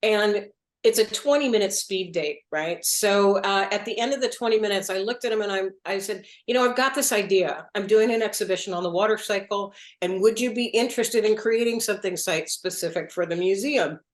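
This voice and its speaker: A woman's voice: medium pitch, fairly quick, roomy sound. A woman, a museum director, introducing an artist and thanking supporters. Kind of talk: introducing a speaker.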